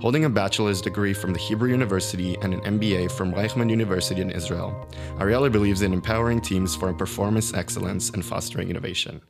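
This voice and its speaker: A man hosting an interview podcast, introducing his guest and asking measured, deliberate questions. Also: sits low, vocal fry, over music. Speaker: podcast host.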